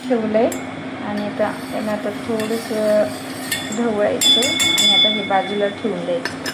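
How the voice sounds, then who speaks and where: A woman's voice: medium pitch, fairly even intonation, a little slow. A young woman explains her cooking step by step in a homely way in her kitchen. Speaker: home vlogger. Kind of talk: casual cooking vlog chat. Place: home kitchen. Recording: home recording with clear background noise.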